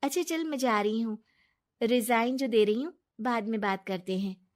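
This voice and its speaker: A woman voicing a trusting young wife in a cartoon story, speaking brightly and emphatically. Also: on the high side, moderate pace, lightly acted. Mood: cheerful. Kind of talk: Hindi cartoon voice acting.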